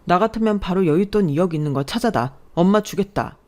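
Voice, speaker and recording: A shameless young man presses his fiancée with a condescending tone. The scene is a radio drama with a woman acting him out in her own low register. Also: expressive, fairly quick, a little mellow, close to an everyday voice. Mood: pressuring.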